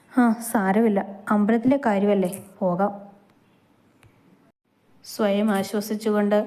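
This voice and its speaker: A woman's voice: medium pitch, mellow. A woman reading a romantic story aloud, voicing the young wife and her husband herself.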